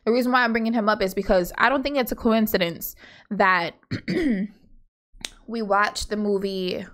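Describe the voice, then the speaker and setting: Speaking at a measured pace with a medium-pitched, fairly bright voice, the Hawaiian podcast co-host chats casually and opinionatedly alongside her husband. She wanders through her points, full of fillers and side comments.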